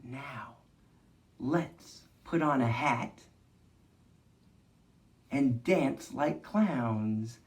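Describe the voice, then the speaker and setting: This educator leads young children through an interactive read-along, offering simple guiding phrases, questions, and movement prompts. His voice is mid-range, and he draws out his words and pauses often.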